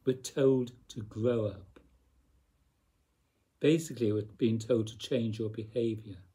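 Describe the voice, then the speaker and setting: A man giving a slow, reflective spiritual talk, speaking deliberately with long pauses and repeated phrases. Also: lowish voice, dark tone, husky. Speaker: spiritual teacher.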